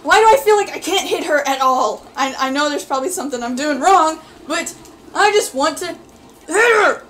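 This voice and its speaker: A woman reacting live to her gameplay, excitably pleading and yelling at the screen, with faint game music behind her. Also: sits high, normal speed, a little hiss or hum. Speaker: gameplay video host. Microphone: desk mic.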